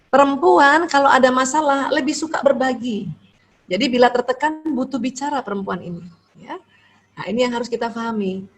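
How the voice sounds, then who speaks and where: A middle-aged woman lecturer giving a religious talk on marriage and family, chatty, dotting her sentences with little tags and acting out short home dialogues. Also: a little high. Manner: conversational, frequent "ya" tags, acts out little dialogues.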